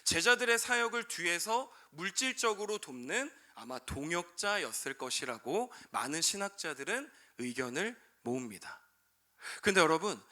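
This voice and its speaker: A youth pastor in his twenties preaches to high school students in a sharp tone. He keeps calling out to his listeners and answers the questions he poses himself.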